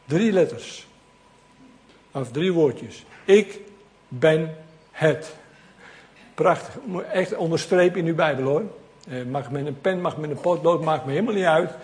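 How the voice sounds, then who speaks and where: Lively preacher, slightly high voice. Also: male voice, moderate pace. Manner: lively, conversational preaching with asides to the congregation. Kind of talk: sermon.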